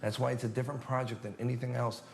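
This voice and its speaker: A man's voice: medium pitch, flat delivery, rapid-fire, gravelly, darkish tone, a little hiss or hum. A man casually teaching a magic trick while demonstrating it on a spectator, chatty and upbeat, acting out his patter as he goes.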